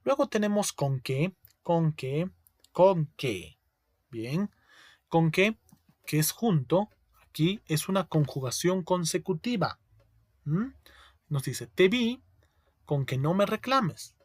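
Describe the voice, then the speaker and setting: A male teacher giving a spelling lesson, explaining slowly, repeating each word and checking in with his students. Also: on the high side, expressive, no echo, studio quality.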